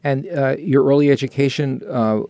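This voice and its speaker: A man's voice: medium pitch, moderate pace, warm tone, no echo. A middle-aged man with a slight New York accent, hosting a radio interview and asking questions with hesitant fillers. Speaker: radio show host.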